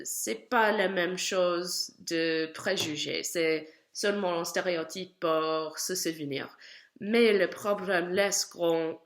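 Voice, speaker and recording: Young female language student with an American accent; slow, halting delivery full of fillers, lower register. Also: fairly bright tone. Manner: halting, searching for words with many fillers. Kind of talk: spoken class reflection.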